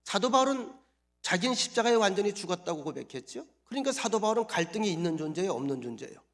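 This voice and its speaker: A middle-aged male pastor preaching a sermon, moving between hushed, near-whispered lines and loud, emphatic declarations. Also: high-pitched, very animated, fast. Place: church sanctuary.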